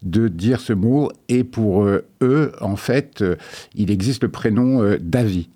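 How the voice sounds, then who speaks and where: A man's voice: on the low side, takes it slowly, mellow. A man being interviewed as a guest artist, talking casually and hesitantly with many filler sounds.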